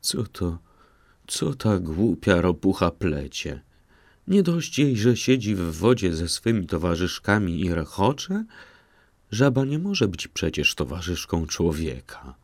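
A man voicing a spoiled, flighty young princess in a fairy tale reading, pitching his voice high and pleading. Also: big pitch swings, slow, a little mellow, no echo, clean studio sound, heavily acted. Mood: scornful. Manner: high, pleading then dismissive girlish tone.

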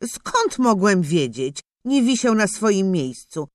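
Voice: medium pitch, very animated, slow, no echo, studio quality. A storybook reader voicing a good-natured father who mutters sheepish excuses. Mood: grumbling. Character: grumbling good-natured father, adult man.

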